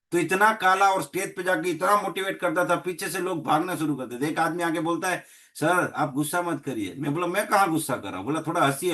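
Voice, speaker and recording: A man's voice: a little high, a bit bright. A middle-aged man with a Gujarati accent giving a motivational network marketing training talk, telling stories and acting out the people in them. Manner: storytelling, acts out dialogues in many voices. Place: meeting hall.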